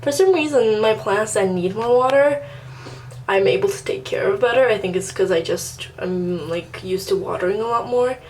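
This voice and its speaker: Chatting casually with many fillers, a teenage vlogger from southern California shows viewers the plants in her apartment room and bathroom indoors. Her medium-pitched, slightly mellow voice moves at normal speed with a slight Armenian Russian accent, on a rough recording with a little hiss or hum.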